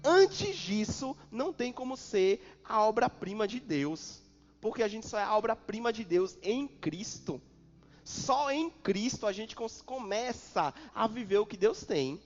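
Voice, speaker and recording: A man's voice: sits high, lively intonation, unhurried. A Brazilian Portuguese-speaking male pastor preaching a sermon, repeating phrases and pushing hard on his points. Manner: preaching with repetition and sudden loud emphasis. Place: church hall. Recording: dull church recording with long reverb.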